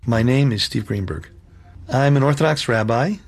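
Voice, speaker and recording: A man in his fifties, a rabbi, slowly and reflectively telling his personal story in an interview. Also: mid-range voice, husky. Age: 50s.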